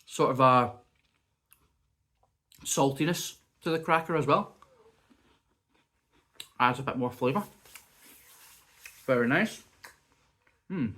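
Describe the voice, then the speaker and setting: Still a bit sniffly and coughing after a bug, a food reviewer chats his way through cheese and crackers in a laid-back home vlog, thinking aloud as he tastes. His mid-range voice moves slowly, with long pauses and a slightly bright edge.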